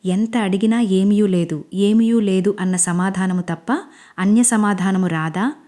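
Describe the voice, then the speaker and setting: A playful young man declaiming mock-royal lines, slow and grandly theatrical, as a woman narrator reads him out, with a mellow, darker tone. The verses are stretched out with mock gravity for a storybook-style recap. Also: mid-range voice, lightly acted.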